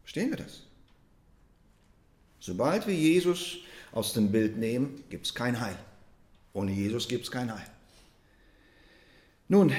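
Slow, emphatic preacher man in an echoey hall. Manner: slow, emphatic delivery with wide swings in pitch and loudness; addresses listeners as "ihr Lieben", asks them "ja?". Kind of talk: Pentecost sermon.

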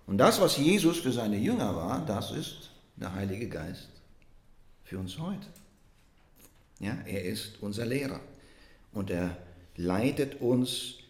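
A man preaching a Pentecost sermon, reading scripture with strong emphasis and speaking warmly to his congregation. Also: very animated, reverberant. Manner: slow, emphatic delivery with wide swings in pitch and loudness; addresses listeners as "ihr Lieben", asks them "ja?".

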